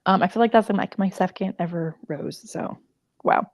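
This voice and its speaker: A woman's voice: lowish voice, normal speed. A woman crochet designer chatting casually on a livestream, rambling and emotional with many fillers.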